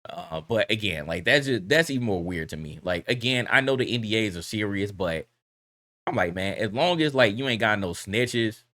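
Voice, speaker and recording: Heated, fast-talking male reaction host. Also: fairly low pitch. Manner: animated, heated, blunt with slang and swearing. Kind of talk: casual reaction commentary.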